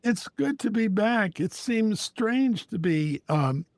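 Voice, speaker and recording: A man's voice: high voice, animated, slow pace, a little mellow, no room sound. A man, a storyteller and co-host, talking casually in conversation.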